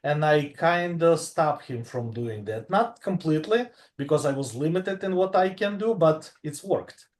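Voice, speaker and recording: A man's voice: fairly high pitch, expressive, moderate pace, hardly any pauses. A man in his forties, a guest on a casual video-call chat, confident and boastful. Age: 40s. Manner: confident, boastful, laughs easily.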